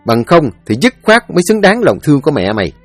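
A man's voice: fairly high pitch, big pitch swings, fast talker, no echo, soft background music, voice pushed up. A man voicing an angry old father who disowns his son in a spoken story. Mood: angry scolding. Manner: harsh, scolding. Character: stern angry old father, Ông Bảy.

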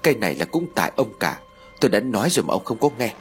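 A man's voice: on the low side, very animated, rapid-fire, soft background music. A man reading an audio story, voicing a grief-stricken older mother who wails and blames her husband. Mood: distraught. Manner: tearful, pleading outbursts.

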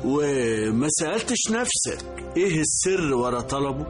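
A man's voice: fairly high pitch, sing-song, normal speed, music in the background. A man playing a stern, principled king and father with an Egyptian accent in a radio drama. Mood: stern, probing.

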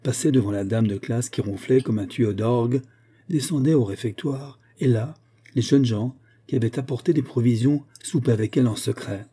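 A man narrating an audiobook with a steady, measured reading. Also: mid-range voice, breathy edge.

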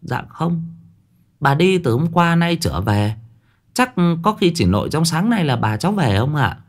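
A man voicing a meek young servant girl in a spoken ghost story, answering in a soft, deferential way. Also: a little high, very animated, a little slow, pitched above the performer's own voice.

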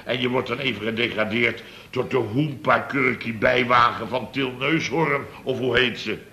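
In a Dutch radio comedy, an actor plays a blustering, exasperated building firm boss who exclaims and repeats himself while telling anecdotes. His mid-range voice runs at normal speed with a bright, forceful tone.

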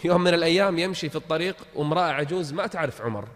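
A man preaches, his voice sitting high. He tells his stories dramatically, falling quiet and then rising to a shout. A long reverb trails after each phrase, as in a big hall. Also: expressive, very fast. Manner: dramatic, swings between hushed and shouted. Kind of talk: storytelling sermon.

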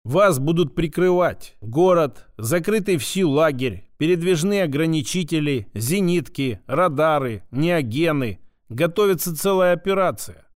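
A man's voice: on the high side, animated, measured pace, hardly any pauses, no echo, studio quality. A man voicing a sly, unflappable male official who speaks in a mocking, familiar drawl. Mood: mocking, firm.

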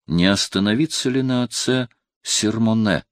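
A man's voice: lowish voice, normal speed, no room sound, clean studio sound, close to an everyday voice. A man playing an imperious angry old cardinal. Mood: fretful. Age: 50s. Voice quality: flaring into loud indignant outbursts. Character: imperious aging cardinal, proud, quick to anger. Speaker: audiobook reader voicing a character. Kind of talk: audiobook character reading.

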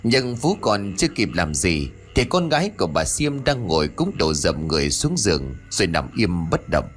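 Guy reading a ghost story, really animated pitch, faint music under it. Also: moderate pace. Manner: dramatic, expressive. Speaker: audiobook narrator. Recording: soft background music.

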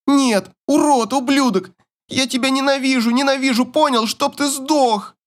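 A man's voice: sits high, unhurried, a bit bright, pitched above the performer's own voice. A man voicing a desperate teenage daughter who pleads and screams hysterically in an audiobook. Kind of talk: audiobook narration.

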